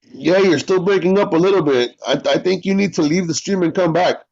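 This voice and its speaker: A man co-hosts a live sports talk stream, chatting casually and making sarcastic jokes as he addresses viewers in the chat. His voice is high, gravelly, and darkish, and he speaks briskly. The stream audio is dull and lo-fi.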